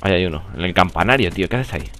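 A young man with a Spanish accent from Spain, rambling and joking through live gameplay commentary, with sudden excited outbursts. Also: low voice, rapid-fire. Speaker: gaming commentator.

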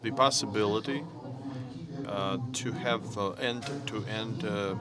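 A man giving a conference presentation, speaking slowly and haltingly with many pauses. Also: on the low side, loud music behind the voice.

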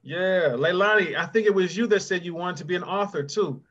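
Over dull, muffled video call audio, a middle-aged guest author talks to children in a high-pitched, brisk, somewhat bright voice. His question-and-answer exchange is conversational and encouraging, and he addresses each child directly by name.

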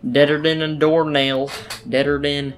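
A man's voice: fairly high pitch, flat delivery, measured pace, natural voice. Man playing a rowdy dim redneck under arrest. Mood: dim, boastful. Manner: rowdy, rambling, repeats himself. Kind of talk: improvised video game role-play.

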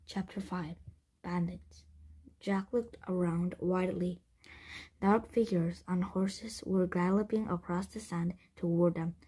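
A woman reading a children's chapter book aloud, in a soft, half-whispered manner that stumbles and restarts. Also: on the low side, steady tone, measured pace, slightly rough. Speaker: reader.

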